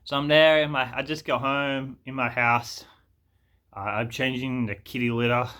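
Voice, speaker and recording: Bright-voiced man rambling a story. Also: medium pitch, flat delivery, normal speed, clear, resonant tone. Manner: rambling and hesitant, with lots of fillers and restarts. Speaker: vlogger telling a story. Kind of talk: casual storytime monologue.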